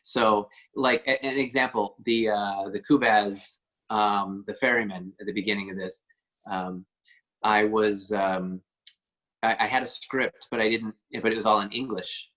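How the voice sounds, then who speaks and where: A man's voice: lowish voice, fairly even intonation, a little slow, bright, forceful tone. A man, an actor being interviewed, talking casually and rambling a bit as he searches for words. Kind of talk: casual chat.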